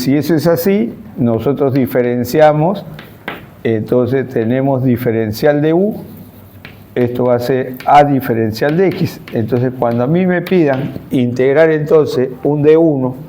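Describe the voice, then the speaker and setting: Male lecturer, Peruvian Spanish accent, slow deliberate dictation, dark tone. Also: medium pitch, slight background noise. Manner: slow, deliberate dictation of formulas, frequent tag questions. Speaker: university math lecturer. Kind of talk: classroom lecture.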